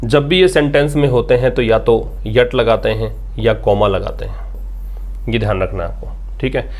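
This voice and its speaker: A man's voice: medium pitch, moderate pace, a little mellow. A man teaching English vocabulary, patiently explaining words and repeating them, asking questions and answering them himself. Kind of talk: vocabulary lesson explaining a newspaper article.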